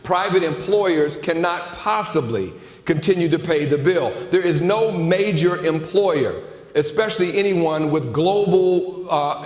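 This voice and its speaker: A man giving an emphatic conference keynote in a large hall, repeating phrases for effect and asking rhetorical questions. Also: a little high. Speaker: keynote speaker. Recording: echoey hall, long reverb.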